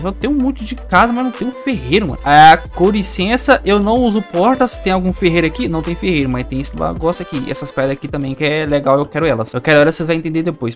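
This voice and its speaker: A man with a Brazilian Portuguese accent giving excitable, playful gameplay commentary. He repeats catchphrases and swings between loud squeals and low mutters. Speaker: gaming YouTuber.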